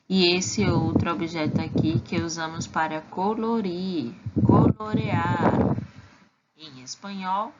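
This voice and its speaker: A woman teaching a recorded lesson for preschool children, patient and clear, saying each word twice. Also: sits low. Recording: dull lo-fi recording with clear background noise.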